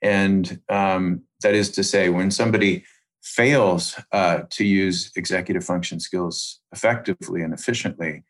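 He's an expert being interviewed, laying out his points in precise, measured academic terms with purposeful pauses. His pitch sits low and his tone stays steady.

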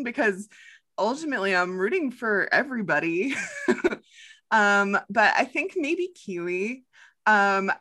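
A woman's voice: medium pitch, sharp tone. A woman hosting a podcast, chatting casually with frequent laughs and fillers. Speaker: podcast host. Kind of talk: casual chat.

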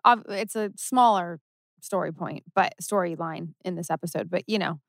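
A woman co-hosting a casual podcast, playful and quick to laugh, with joking asides. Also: lowish voice, gravelly, dry recording. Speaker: podcast co-host. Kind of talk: casual rewatch chat.

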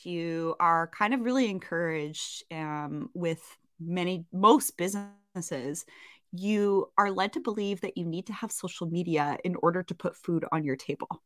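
A woman's voice: on the low side, unhurried, fairly bright tone, no room sound, clean studio sound. A woman with a Canadian accent co-hosting a podcast in a chatty, self-mocking way, full of rambling asides. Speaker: podcast co-host. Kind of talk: casual podcast chat.

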